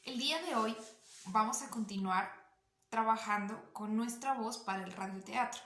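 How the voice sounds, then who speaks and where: A woman with a slightly nasal, high voice teaching a drama class, explaining and asking the listener questions. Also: normal speed, a bit bright, echoey room. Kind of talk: online voice lesson.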